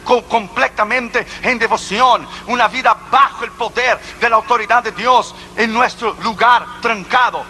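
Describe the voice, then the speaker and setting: A man's voice: extremely high pitch, normal speed, few pauses, pushed and bright, faint music behind. A man preaching a sermon as an evangelist, driving his points home with repeated rhetorical questions.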